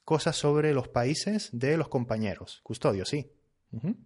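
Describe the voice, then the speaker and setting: A man teaching a group language lesson over a video call, speaking slowly and patiently, repeating and correcting his students' answers. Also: mid-range voice, lively intonation, darkish tone, husky. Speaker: Spanish teacher.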